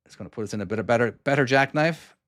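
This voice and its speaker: This Irish-accented Cork man streams his trucking game live, chatting casually as he narrates every maneuver and fields questions from chat. He speaks at a racing pace in a mid-range, fairly bright voice, captured in a dry, studio-quality recording.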